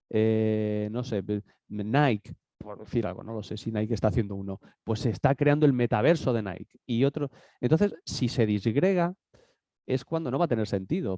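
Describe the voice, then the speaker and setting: Here the cold-stricken man speaks at a medium pitch with a mellow tone, the audio dull and free of room sound. He's giving a relaxed seminar-style business talk from his desk, stumbling frequently over fillers and restarts.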